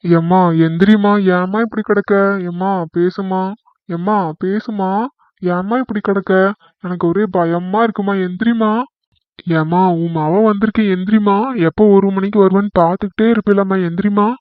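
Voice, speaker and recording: A fairly high, anxious cartoon son, voiced by a man, devoted to his mother and begging over and over. The recording is dry and slightly dull. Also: fairly even intonation, moderate pace, clean tone, dry recording, natural voice.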